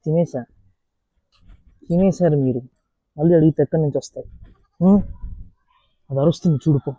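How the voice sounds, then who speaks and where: A man's voice: on the high side, a little fast, warm tone, husky, no room sound, dull audio. A man vlogging casually at an outdoor animal park, chatting playfully to the animals. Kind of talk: casual vlog narration.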